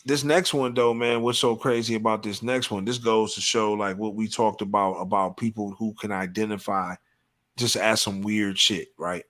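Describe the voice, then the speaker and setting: Steady and fairly bright, this man's low-leaning voice moves at a normal speed as he hosts a live show. The talk is loose, emphatic and profane, with "you know what I'm saying" on repeat.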